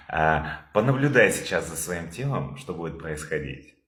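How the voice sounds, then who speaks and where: A man leading a calm therapy session over a video call, probing with repeated questions. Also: deep voice, unhurried, echoey room.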